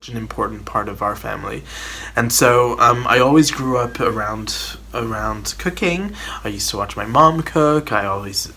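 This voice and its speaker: A Filipino man hosts his cooking channel, chatting casually to a camera on a tripod and rambling with restarts and little laughs. His voice is on the low side, pushed and bright, with slight background noise.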